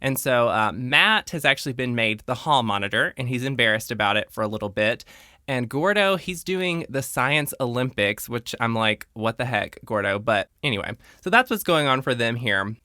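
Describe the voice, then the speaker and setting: A man's voice: mid-range voice, lively intonation, normal speed, sharp tone, dry recording, clean studio sound. A young adult man hosting a podcast, chatting casually and retelling scenes with playful quoted lines. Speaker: podcast host.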